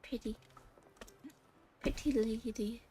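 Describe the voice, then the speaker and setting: Slow-paced and fairly even in intonation, this woman's voice sits on the high side. She's a game streamer hosting a livestream, talking casually and cutely while background music runs under her speech.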